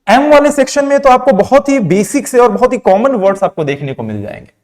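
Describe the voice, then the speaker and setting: Lively teacher quizzing his class. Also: very high voice, quick pace. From India. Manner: asks questions then answers them himself, mixing Hindi and English. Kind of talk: classroom lesson on pronunciation.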